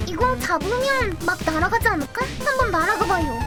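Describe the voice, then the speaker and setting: A woman's voice: extremely high pitch, lively intonation, a little fast, over loud music. A woman streaming a game live, chatting with her viewers and shrieking and wailing whenever things go wrong. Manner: shrieks and wails at mishaps, chatty with chat.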